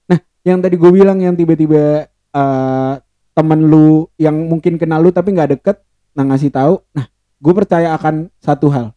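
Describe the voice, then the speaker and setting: A man's voice: a little high, moderate pace, no echo, muffled recording. A young man chatting casually on a podcast, telling a story in slang and swearing often.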